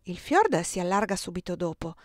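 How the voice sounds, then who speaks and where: A woman reading the part of a cautious older male servant who reasons in a measured way, in a dry close recording. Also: on the low side, big pitch swings, no room sound.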